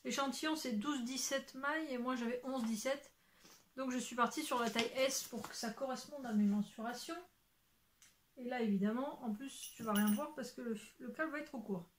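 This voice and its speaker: A woman's voice: high-pitched, moderate pace, a little hiss or hum. A young woman chatting casually at home about her knitting, rambling with many fillers and self-corrections. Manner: occasional swearing, then apologizing. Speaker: knitting podcaster. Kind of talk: casual chat showing knitting to camera. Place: at home in front of shelves.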